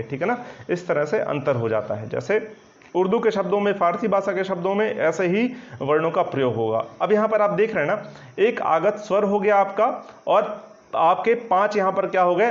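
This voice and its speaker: A male Hindi grammar teacher giving an online exam-prep lesson, explaining patiently and checking often that students follow. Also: sits high. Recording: slightly dull lo-fi sound.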